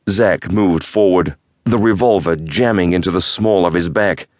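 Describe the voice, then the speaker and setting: A man narrating a thriller audiobook in a measured, steady storytelling manner. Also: low-pitched, no room sound, studio quality.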